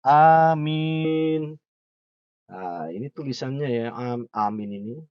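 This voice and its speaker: A man teaching recitation, slowly repeating sounds and patiently correcting pronunciation. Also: mid-range voice, big pitch swings, no room sound. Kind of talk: pronunciation lesson. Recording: muffled, distant from the mic, dry.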